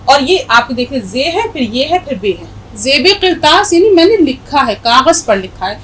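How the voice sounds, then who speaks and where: A woman's voice: sits high, sing-song, fairly bright tone, slight background noise, low-quality recording. A middle-aged woman teaching an Urdu lesson, patiently spelling out letters and repeating words as she explains a poem.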